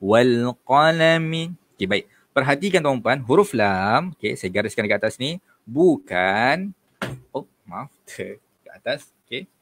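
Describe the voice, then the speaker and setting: A man with a Malaysian Malay accent teaching Quran recitation in a relaxed online lesson, patiently repeating letters and corrections, often saying okey, and chanting verses slowly to demonstrate. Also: mid-range voice, slightly rough.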